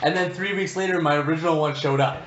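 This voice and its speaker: Fast, easygoing man telling a story. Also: fairly high pitch. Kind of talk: casual chat. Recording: roomy, dull recording with noise behind.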